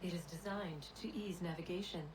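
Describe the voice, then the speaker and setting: A woman's voice: on the low side, crowd noise, natural voice. A woman playing a solemn ancient spirit. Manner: formal, measured, prophetic. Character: ancient guiding spirit, female, calm and solemn. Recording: game audio heard from afar, noisy.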